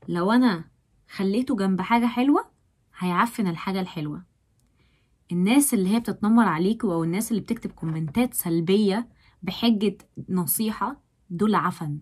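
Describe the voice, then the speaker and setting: A young Egyptian woman speaking straight to her audience in a motivational vlog. She talks very fast and punches key words with sudden loud stresses. Her delivery is forceful and animated. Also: mid-range voice, husky. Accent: Egyptian Arabic. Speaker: vlogger. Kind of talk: motivational talk to camera.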